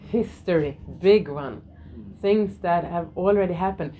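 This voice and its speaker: Gentle woman teaching a yoga class. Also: fairly low pitch, unhurried, narrow, tinny audio, slight background noise. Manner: gentle, repeats key phrases, laughs softly. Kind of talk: spiritual lesson to a class.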